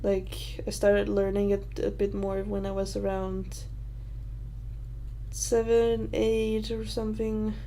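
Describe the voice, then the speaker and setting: A young woman from Denmark, speaking with a Danish accent, hosts a casual livestream Q&A, answering questions hesitantly and rambling with lots of fillers. Her medium-pitched voice is slow, dark in tone and completely flat. The recording is rough, with a little hiss or hum.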